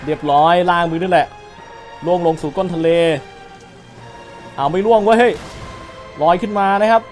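A young man with a high, bright voice calls out a game as he plays, excitable and full of trash talk aimed at on-screen enemies. Loud game music plays behind him throughout. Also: moderate pace. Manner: excitable, trash-talks enemies, frequent exclamations. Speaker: gaming channel host. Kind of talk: let's play commentary.

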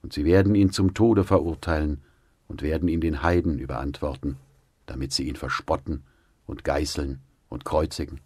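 A man reading the words of Jesus in a scripture audiobook, in a solemn, measured way. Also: a bass voice, fairly even intonation, darkish tone, husky, dry recording, clean studio sound, full character voice. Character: Jesus, calm authoritative male teacher.

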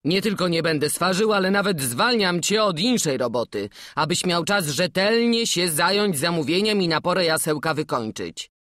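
A woman's voice: fairly low pitch, expressive, normal speed, fairly bright tone, no echo, studio quality, voice pushed up. A woman reading an audiobook, voicing a stern, fatherly old master woodcarver with commanding, archaic speech. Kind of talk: audiobook character voice.

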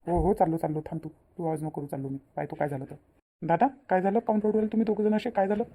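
A man's voice: sits high, steady tone, very fast, dark tone, breathy edge. A man voicing a protective, agitated younger brother and husband.

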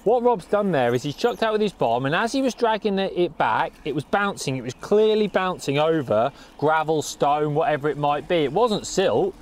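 A man's voice: on the high side, lively intonation, moderate pace, hardly any pauses. A man, co-presenting in a chatty way, asking questions and talking to viewers, outdoors at a lakeside with a lapel mic. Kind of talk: casual presenting chat.

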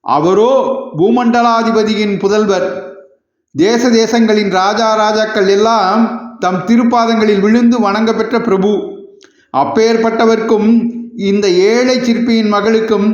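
A man's voice: high-pitched, steady tone, unhurried. A man voicing a proud young woman dancer, speaking with indignant reproach in an audiobook reading. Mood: hurt, indignant. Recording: echoey room, slightly dull sound.

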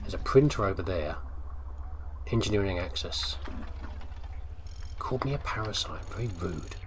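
This let's play gamer is a British man with a low, expressive voice who talks at a normal speed. He keeps up casual, chatty commentary, muttering playful asides while thinking aloud, with video game ambience and background noise behind him.

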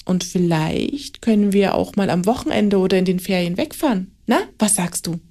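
A woman's voice: medium pitch, expressive, moderate pace. A woman voicing a joyful mother who shares good news with her son in a lilting tone. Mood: happy. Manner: bright, delighted, lilting. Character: cheerful mother, warm and happy.

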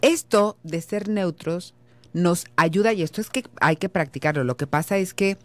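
Mexican woman, low dry radio voice. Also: moderate pace, dry recording. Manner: explanatory, addresses listener directly, acts out example lines. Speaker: radio show host. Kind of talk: radio advice talk.

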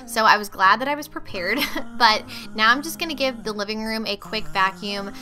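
A young woman with a mid-range voice narrates a cleaning and cooking vlog at a normal speed, chatting casually with the occasional "um." Loud music plays in the background.

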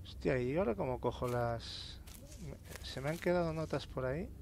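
An animated man with a Castilian Spanish accent, his voice on the high side, gravelly and darkish, narrates gameplay casually as a let's play host at normal speed. He reads in-game notes aloud, swears and grumbles to himself, with slight background noise.

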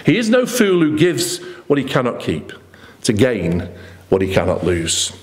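Middle-aged man, sermon at a lectern mic; emphatic, swooping delivery. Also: medium pitch. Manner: earnest, emphatic preaching with rhetorical questions and lively pauses. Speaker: pastor. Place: church hall with red curtains. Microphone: lectern microphone.

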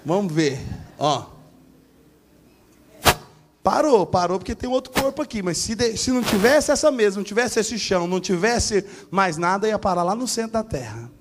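A male pastor preaching a sermon in church, telling a story with animated shifts of voice. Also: moderate pace, noisy background. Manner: animated storytelling, acting out voices with big pitch swings.

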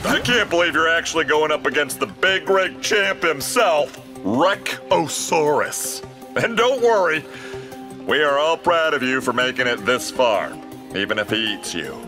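An actor playing a cocky, goofy pilot hero in a video game, breezy and blithely tactless. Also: male voice, on the high side, lively intonation, a little slow, over music.

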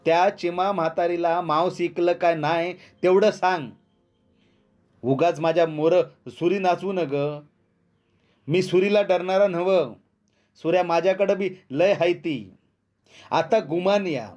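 A man's voice: on the high side, moderate pace, soft background music, voice pushed up, natural voice. A man doing an angry quarrelsome villager. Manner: shouting, rustic dialect.

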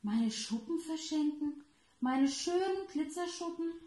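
A woman's voice: on the high side, animated, unhurried, a little mellow. A woman voicing a proud, vain young male fish in a children's storybook reading, sounding haughty. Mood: aghast. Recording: roomy echo.

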